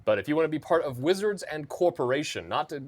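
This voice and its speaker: Lively fast-talking man hosting a podcast. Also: a little high, slight background noise. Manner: joking, rambling, quick asides. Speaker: podcast co-host. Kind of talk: casual chat about board games.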